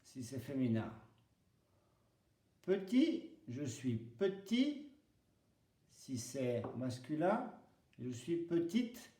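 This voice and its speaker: Slow, mellow-voiced male French teacher. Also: mid-range voice, sing-song. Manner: spells out pronunciation rules, switching between French and Basque. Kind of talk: slow, deliberate language lesson with repeated example words. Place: home. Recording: roomy echo.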